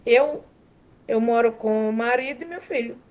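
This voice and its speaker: A woman's voice: fairly high pitch, moderate pace, a little mellow, dull audio. A woman student on a video call, earnest and hesitant, often repeating herself. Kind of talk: student speaking up in online class.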